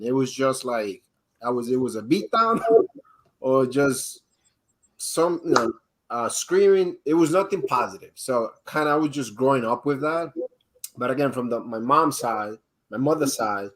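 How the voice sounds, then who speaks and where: A man from the Dominican Republic, a guest on a live interview, telling his own story in a halting way with many restarts and fillers. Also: mid-range voice, fairly bright tone, rough recording. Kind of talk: candid personal storytelling.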